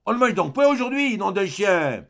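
A man reading an audiobook, voicing a gruff, impatient old father who shouts his lines. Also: high voice, fairly quick, voice pushed up. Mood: blustering. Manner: shouting, blustering.

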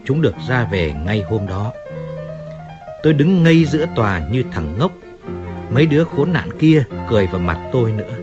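A man's voice: medium pitch, sing-song, normal speed, muffled recording, close to an everyday voice. A man reading as a pleading old undertaker. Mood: aggrieved. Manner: plaintive, deferential pleading. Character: aging Italian-American undertaker, pleading and self-pitying. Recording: faint music in background.

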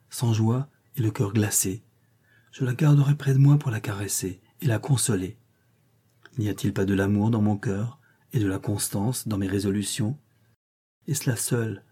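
An impassioned, brooding gentleman voiced by a man reading an audiobook pleads in a low, mellow tone. The voice is husky and urgent, the talk of a man pressing his suit. It stays a spoken reading rather than a full performance. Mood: tender. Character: brooding passionate middle-aged gentleman suitor.

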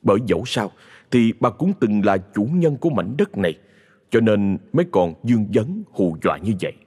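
A man narrating a ghost story in a dramatic, expressive way. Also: lowish voice, moderate pace, slightly rough.

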